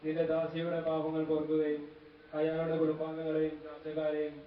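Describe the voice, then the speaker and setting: A man leading funeral prayers, reciting steady chanted intercessions. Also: on the high side, a little fast. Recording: distant, echoey, dull recording with faint noise.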